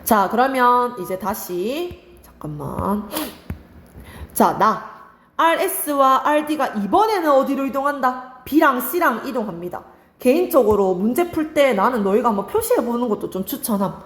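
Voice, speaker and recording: A woman's voice: a little high, sing-song, measured pace, reverberant. A young woman teaching an exam-prep lesson, asking her students questions and answering them herself. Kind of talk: online exam-prep lecture.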